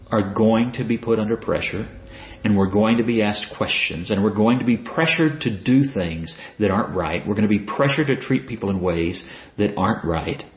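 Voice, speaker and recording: A man preaching a sermon, asking rhetorical questions and repeating phrases for emphasis. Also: low-pitched. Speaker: pastor. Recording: roomy, dull lo-fi sound.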